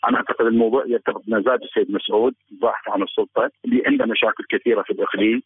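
A man with an Iraqi Arabic accent, a political analyst calling in by phone to a radio interview, laying out his arguments rapidly. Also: fairly low pitch, fairly even intonation, no echo. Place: Baghdad by phone. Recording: tinny phone line, husky.

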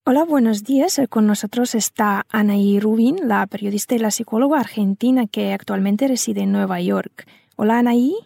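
A woman hosting a radio interview, formal and measured as she introduces her guest. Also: medium pitch, gravelly, mellow, dry recording, studio quality. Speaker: radio host.

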